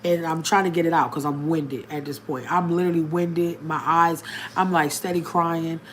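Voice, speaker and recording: This straightforward, candid woman shares a personal tale directly with her audience, using everyday language and emphatic bursts where her pitch and volume jump. Overall her intonation stays fairly even, at a moderate pace.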